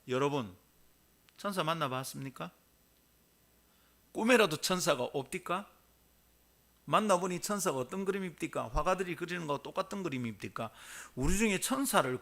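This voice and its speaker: A man's voice: on the high side, creaky, sharp tone. A male pastor with a Gyeongsang accent preaching a sermon in a church and having the congregation repeat his phrases. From Korea. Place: church sanctuary.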